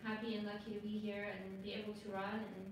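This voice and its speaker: A woman's voice: medium pitch, level tone. Woman from Lebanon in an echoey hall. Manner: chatty, halting, many fillers. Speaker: panel guest, marathon runner. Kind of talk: casual panel talk. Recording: echoey, distant mic, noisy ambience.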